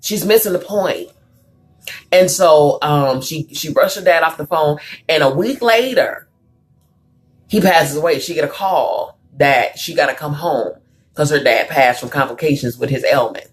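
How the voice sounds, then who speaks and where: A woman's voice: low voice, moderate pace. A woman hosting a live talk show, telling a story in a conversational way, reading out viewer comments and driving her point home emphatically. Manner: emphatic, preachy. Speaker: talk show host and counselor.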